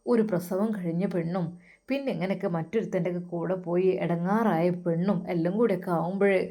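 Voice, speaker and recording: A woman's voice: a little fast, warm tone, lightly acted. A woman voicing a loving, fretful elderly mother in a story. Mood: coaxing. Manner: coaxing, pleading, high and sing-song. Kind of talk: storytelling with acted dialogue.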